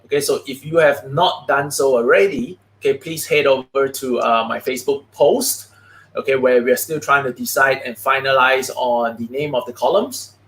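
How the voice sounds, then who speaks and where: Fast-talking man hosting a live stream. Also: medium pitch, fairly even intonation, a bit bright. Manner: chatty, many "okay, all right" fillers, fast talking. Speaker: host of a live investing stream. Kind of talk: live stream talk to viewers. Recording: roomy echo.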